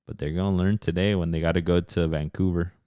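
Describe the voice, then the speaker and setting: A man's voice: low voice, fairly even intonation, fast, dark tone, clean tone, dry recording, studio quality. A man co-hosting a soccer podcast, chatting casually and switching between English and Spanish. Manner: laid-back, mixes English and Spanish. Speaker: podcast co-host. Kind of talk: casual sports chat.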